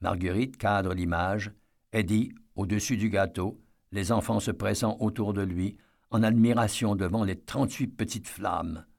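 A man reads a novel aloud in scripted, measured narration. His voice sits low and carries a noticeable gravelly fry. He keeps an even storytelling pace. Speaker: audiobook narrator.

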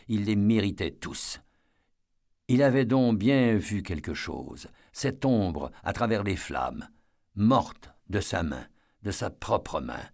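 A man reading an audiobook as narrator, in a measured and expressive way. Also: sits low.

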